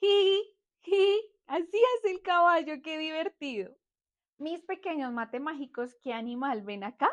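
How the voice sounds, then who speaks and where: A woman's voice: high voice, moderate pace, a bit bright. A young woman teaching small children in a cheerful, exaggerated sing-song manner, and sometimes imitating animal sounds.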